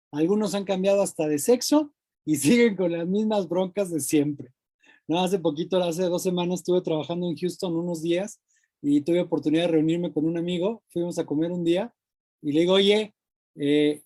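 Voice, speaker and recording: A Mexican man giving a lively, colloquial motivational talk, acting out voices of the mind and a friend. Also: high voice. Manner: animated, colloquial, acts out inner voices. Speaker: speaker.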